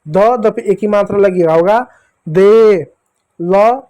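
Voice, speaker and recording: Guy teacher with a high voice, slow and patient, says every sound twice for the kids. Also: dark tone. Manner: patient, repeats each sound slowly and clearly; addresses listeners as children. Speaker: Hindi teacher. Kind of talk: classroom lesson for children.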